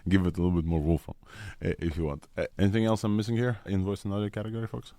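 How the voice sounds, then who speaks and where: A man's voice: low voice, fairly even intonation, racing, mellow, slight background noise. A man with a Russian-Israeli accent hosting a casual, enthusiastic tech news rundown. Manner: enthusiastic, informal. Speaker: host.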